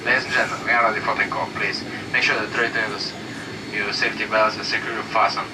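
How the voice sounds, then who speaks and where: A male flight attendant reading formal safety announcements over a plane's cabin loudspeaker. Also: little pitch movement, fast. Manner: formal, recited delivery. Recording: distant cabin speaker with engine rumble.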